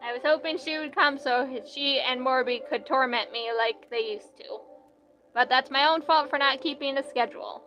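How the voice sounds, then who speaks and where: A woman's voice: high voice, normal speed, bright, forceful tone, lo-fi sound. A young woman streaming and reading out live chat in a casual, rambling way, full of "like" fillers.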